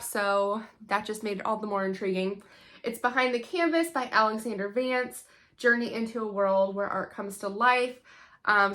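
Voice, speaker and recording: Bright-voiced enthusiastic woman chatting books. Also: fairly high pitch. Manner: enthusiastic, chatty, frequent ums. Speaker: homeschool book vlogger. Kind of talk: casual book haul chat.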